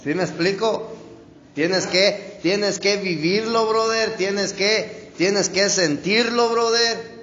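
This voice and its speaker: A man preaching a sermon in a conversational way, often calling the listener "brother" and checking "¿sí?", and drawing out key words slowly. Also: sits high, a bit bright, echoey room, big-room sound, dull audio. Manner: slow, drawn-out stresses on key words. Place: church hall.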